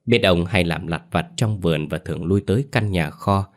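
Deep-voiced man narrating a ghost story. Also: moderate pace.

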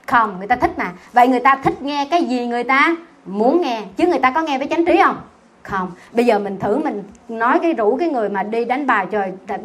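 Nun teaching sutra class, keeps asking questions n answering herself, playful, slightly high voice. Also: female voice. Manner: quizzes listeners, answers own questions; teasing, lively. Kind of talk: dharma talk with questions to the class.

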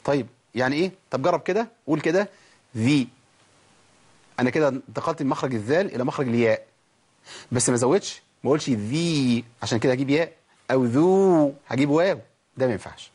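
A man with an Egyptian Arabic accent teaching a tajweed lesson, who asks questions, answers them himself, and drags out letter sounds slowly to demonstrate them. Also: mid-range voice, darkish tone, breathy edge. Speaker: Quran recitation teacher.

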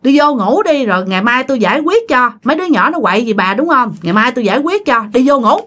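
An older village husband in a spoken ghost story, voiced by a woman, coaxing and pleading in a voice pushed higher than the narration. The lines move quickly and swing up and down. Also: sing-song, a bit bright, heavily acted.

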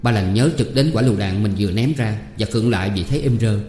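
A man reading a short story aloud in a steady, measured way. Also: on the low side. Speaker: narrator. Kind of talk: audiobook narration. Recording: roomy reverb with faint music.

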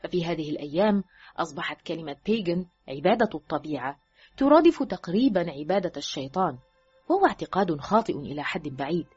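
Husky woman reading a thriller aloud. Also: quick pace. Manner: expressive reading, dropping low and quiet at sentence ends. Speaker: audiobook narrator. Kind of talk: scripted narration of a thriller novel. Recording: dull lo-fi recording with faint music.

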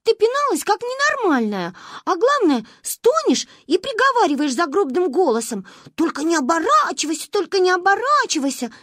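A woman doing a high, bossy little girl. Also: big pitch swings, moderate pace, few pauses, a bit bright, no room sound, studio quality, exaggerated voice. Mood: indignant. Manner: indignant scolding. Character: bossy cheeky little girl, quick-tempered.

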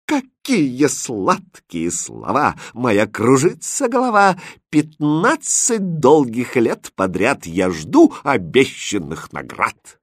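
Guy doing a sly jester, singsongy and flattering, bouncy pitch. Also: normal speed, few pauses, dry recording, clean studio sound, full character voice. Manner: flattering, smooth-talking, sing-song. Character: sly, witty court jester.

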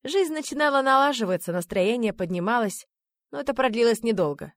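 Lively woman reading a story aloud. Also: on the high side, brisk, no room sound. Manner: lively, expressive, playfully ironic. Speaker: audiobook narrator. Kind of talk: first-person audiobook narration.

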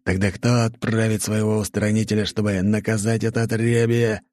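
A man voicing a wrathful, proud demon king who speaks in slow, booming proclamations. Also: a little mellow, dry recording. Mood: demanding.

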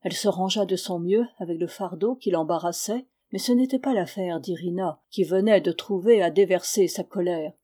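Warm-voiced woman reading a novel. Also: lowish voice. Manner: calm, measured storytelling. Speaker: audiobook reader. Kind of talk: scripted narration of a novel.

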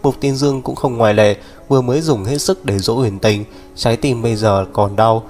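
Giọng nam đọc truyện đều đặn. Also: male voice, mid-range voice, fairly quick, darkish tone. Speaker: audiobook narrator. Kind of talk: scripted narration. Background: faint music.

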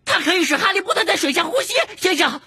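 A man voicing an excitable male house-elf servant in a shrill, squeaky, pleading voice. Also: fast, heavily acted. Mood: earnest.

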